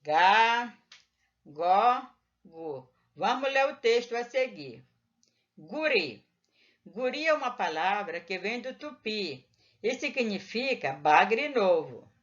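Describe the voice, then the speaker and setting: Slow, patient woman teacher, lo-fi sound. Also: mid-range voice, sing-song. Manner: slow, patient, drawn-out syllables. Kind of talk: explaining a textbook lesson to children.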